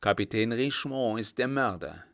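A man's voice: medium pitch, lively intonation, normal speed, gravelly, fairly bright tone. A man reading an audiobook, voicing a resolute young cavalry lieutenant who speaks firmly and gives orders. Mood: grave. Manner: firm, commanding, reassuring.

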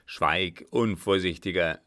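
A man's voice: low voice, slow, sharp tone, exaggerated voice. A man doing a harsh, menacing old captain. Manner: hard, commanding, menacing. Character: harsh, threatening old sea captain, male.

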